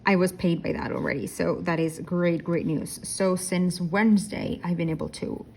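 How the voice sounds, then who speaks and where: A woman's voice: lowish voice, steady tone, moderate pace, gravelly, dark tone, breathy edge. Tired, rambling woman in her thirties. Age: 30s. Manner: rambling, self-correcting, many fillers. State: tired, yawning. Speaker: diamond painting vlogger. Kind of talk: casual chat.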